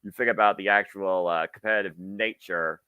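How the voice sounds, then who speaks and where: A man doing wrestling play-by-play commentary, with halting, wordy analysis between calls of the moves. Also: sits low, fairly even intonation, clean tone, dry recording, narrow, tinny audio.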